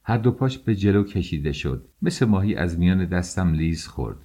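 A man reading a novel aloud as an audiobook, telling the story in a measured first-person voice. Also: deep voice, expressive, warm tone. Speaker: audiobook narrator.

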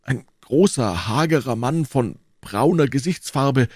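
A proud old nobleman, as a male reader puts him on, pitched higher than the reader's own voice and emphatic. He sounds close and dry. The voice has a formal, insistent edge. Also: lively intonation, measured pace, slightly rough, no echo. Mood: recounting.

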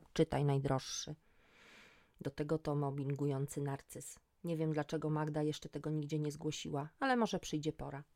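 A woman's voice: sits low, mellow, dry recording, studio quality. A woman reading a first-person story aloud in a wry, conversational way. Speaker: audiobook narrator. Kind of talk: first-person audiobook narration.

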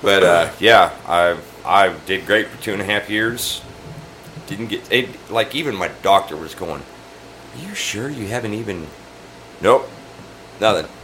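A middle-aged man with a very low voice that still has a bright, forward edge talks loosely over drinks, swearing easily as he tells stories. A faint air-conditioner hum sits behind him in a saloon. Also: a little slow, poor audio. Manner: profane, laid-back storytelling. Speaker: bar owner and host. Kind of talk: casual chat over drinks.

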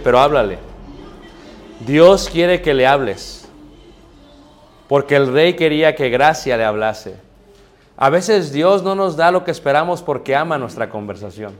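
A man preaching a sermon, talking to the congregation in a conversational way and asking them rhetorical questions. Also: mid-range voice. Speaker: pastor.

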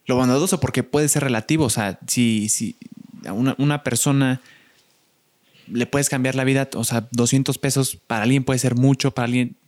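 A man's voice: mid-range voice, steady tone, moderate pace, darkish tone. A man hosting a podcast who keeps the talk going with short prompts and reflective replies. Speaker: podcast host. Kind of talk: casual podcast interview.

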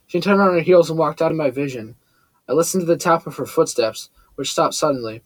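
A man narrates a first-person story in a measured, steady way, with a voice sitting a touch higher than most men's. The recording is close and completely dry, with no room sound. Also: dry recording. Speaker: audiobook narrator.

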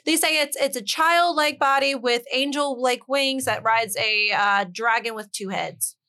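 A woman's voice: high voice, measured pace, sharp tone. A woman on a casual podcast, a guest horror expert who explains movie lore hesitantly, with many ums.

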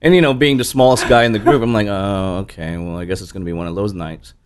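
A man's voice: on the low side, steady tone, fast, a little mellow, clear, resonant tone. A tired man in his thirties, a bartender guest telling stories in a rambling way with many restarts and the odd curse. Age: 30s. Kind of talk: casual interview chat.

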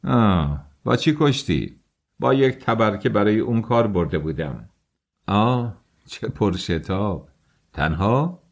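A man's voice: lowish voice, lively intonation. A man voicing an irritable shrewd magistrate. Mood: startled. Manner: sharp, startled questioning. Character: excitable middle-aged male magistrate, irritable and shrewd.

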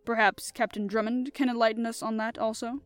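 A woman reading an audiobook voices a suave male master criminal, speaking slowly and smoothly with quiet menace. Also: fairly high pitch, little pitch movement, no echo, soft background music, natural voice. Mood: sardonic. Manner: smooth, slow and sinister.

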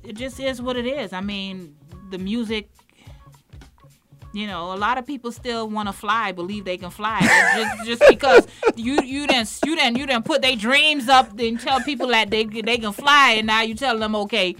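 A woman's voice: a little high, normal speed, sharp tone, soft background music. A woman in casual chat as a restaurant owner and guest, blunt and joking, often repeating words as she starts a point. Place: barbershop.

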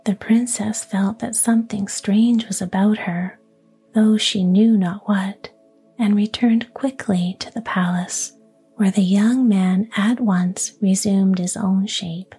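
A woman whispering a fairy tale in a slow, hushed, even storytelling manner, ASMR style. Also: medium pitch, soft background music. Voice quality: breathy whisper.

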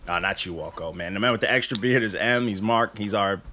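A man's voice: fairly low pitch, fairly quick, sharp tone, a little hiss or hum. A man from New York hosting a casual music interview, loose and profane, laughing often. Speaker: podcast host and music reviewer.

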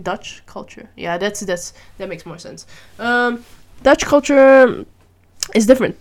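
A woman vlogger from Malaysia, talking casually in a rambling way, full of fillers and restarts. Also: fairly low pitch. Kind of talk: casual monologue.

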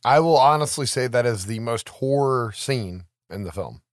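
A man's voice: medium pitch, lively intonation, moderate pace, no room sound, studio quality. A man co-hosting a podcast, chatting casually about a film with blunt opinions and heavy swearing. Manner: blunt, heavily profane, opinionated. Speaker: podcast co-host. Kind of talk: casual film chat and commentary.

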